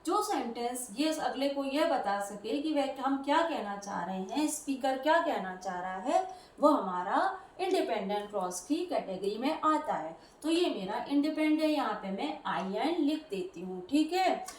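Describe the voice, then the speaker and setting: A woman's voice: high voice, expressive, a little slow. A woman teaching a grammar lesson, explaining patiently and step by step. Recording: roomy echo, voice from a distance.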